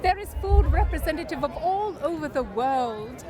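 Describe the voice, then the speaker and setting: Woman playing a high-voiced, merry Renaissance queen. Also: lively intonation, normal speed. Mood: gracious, merry. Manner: regal, playful. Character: gracious, merry Renaissance queen holding court. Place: outdoor festival grounds. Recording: crowd and music behind.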